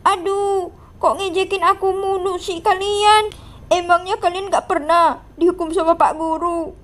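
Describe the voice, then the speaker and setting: A woman's voice: very high voice, fairly even intonation, measured pace. A woman voicing a whiny lonely monster. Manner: whiny, plaintive. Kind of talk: game role-play voicing.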